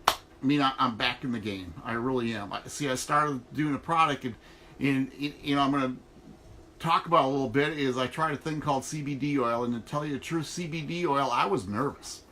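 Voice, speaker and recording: A man's voice: mid-range voice, bright, forceful tone. A middle-aged man talking casually and emphatically in a folksy, motivational vlog, recorded inside an RV trailer. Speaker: online network marketer. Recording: noticeable background noise in a trailer.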